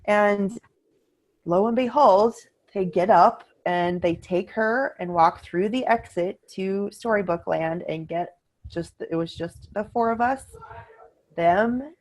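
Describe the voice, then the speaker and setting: A middle-aged woman co-hosting a podcast, telling a story in casual chat and acting out the quoted lines in a higher voice. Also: slow, darkish tone. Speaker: podcast co-host.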